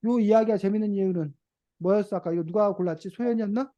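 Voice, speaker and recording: Teacher on a video call with kids, patient, keeps asking questions, middle pitch. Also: fast, dark tone, highs cut off. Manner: patient, asks children questions. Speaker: reading and writing teacher. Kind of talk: online video class with children.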